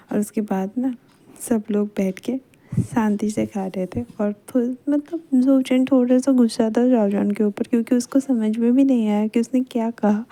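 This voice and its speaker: A woman casually retelling a fan fiction story in a soft, half-whispered way, with chatty fillers. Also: a little high.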